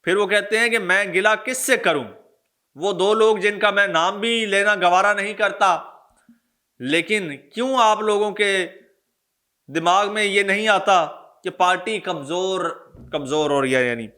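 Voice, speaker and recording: Speaking to viewers about political news, this host with a Pakistani accent is emphatic and leans on repetition to underline his points. His high voice is bright and forceful, and his pace runs a little slow.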